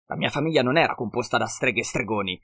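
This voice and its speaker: A man's voice: on the low side, fairly even intonation, fairly quick, gravelly. Man playing an earnest young knight. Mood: earnest, wary.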